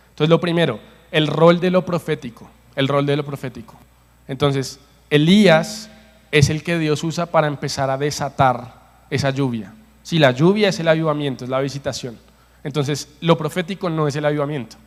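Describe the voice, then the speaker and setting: A man preaching a passionate sermon as pastor, repeating phrases for emphasis. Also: on the high side. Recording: long hall reverb.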